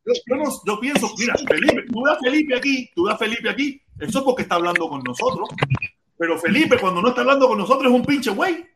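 A man's voice: extremely high pitch, expressive, fast talker. Man, Cuban accent, emphatic host, noisy background. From Cuba. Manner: emphatic, repeats his points. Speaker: live-stream host. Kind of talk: casual live chat.

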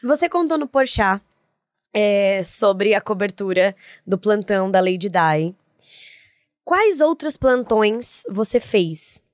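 A young adult woman hosting a casual interview, chatty and quick with short affirmations. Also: medium pitch, lively intonation, dry recording, clean studio sound. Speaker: interview host.

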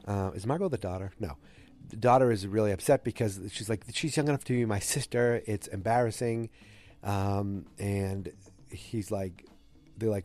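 Recapping a TV episode on his podcast, a man with a cold rambles and corrects himself as he goes. His voice is lowish and warm, and the talk is a casual solo recap.

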